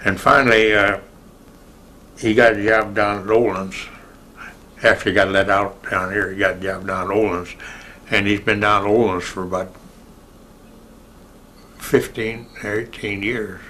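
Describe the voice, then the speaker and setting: Bright-voiced older American man, slow and reminiscing. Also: fairly low pitch, flat delivery, a little hiss or hum. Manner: rambling, halting storytelling with pauses to recall. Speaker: oral history interviewee. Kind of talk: casual spoken reminiscence.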